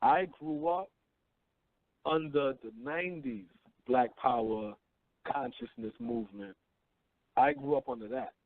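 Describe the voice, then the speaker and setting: This call-in radio host, a man in his thirties, speaks bluntly and profanely, preaching and frequently asking "you know what I'm saying." His voice is a little high and creaky, with big pitch swings, a slightly slow pace, and long pauses. It comes through as tinny phone-line audio.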